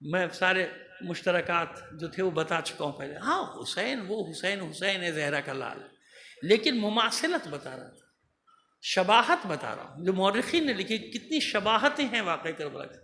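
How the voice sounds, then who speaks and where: Cleric guy preaching, high bright voice, scolding and emphatic, roomy hall w/ faint hum. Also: very animated. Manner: admonishing, emphatic orator. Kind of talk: Muharram majlis sermon. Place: large prayer hall.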